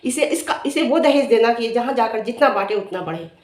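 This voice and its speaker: A woman's voice: a little high, expressive, brisk, a little mellow. A middle-aged woman vlogger who scolds and taunts a rival directly in a confrontational rant. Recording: echoey room.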